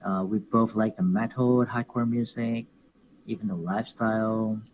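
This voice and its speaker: This male wrestler from Hong Kong talks at a moderate pace in a lowish voice during a lively interview. He laughs often, stays animated, and repeats words as he looks for phrasing. The recording is low quality.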